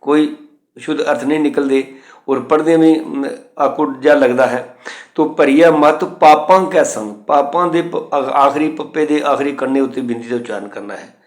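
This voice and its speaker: A man with a Punjabi accent giving a step-by-step lesson on pronouncing scripture, reciting each line slowly and then explaining it methodically. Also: medium pitch, roomy sound. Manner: patient, methodical, repeats words and rules. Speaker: Gurbani pronunciation teacher.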